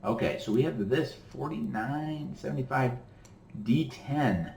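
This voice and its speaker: A man's voice: mid-range voice, a little slow, creaky, darkish tone. A man with a mid-range voice lectures casually on retirement-account law, reading from a court ruling and stopping often to explain with an "okay?". His voice sounds a little tired. The recording has a roomy echo around it. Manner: reads legal text then breaks off to explain, with frequent "okay?". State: voice tiring. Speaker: attorney teaching about self-directed retirement accounts.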